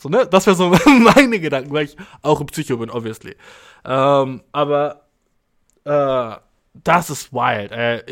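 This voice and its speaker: A man hosting a podcast, reading out and reacting to listener mail in casual, slangy chat full of English words and swearing. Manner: animated, jumps into high exclamations.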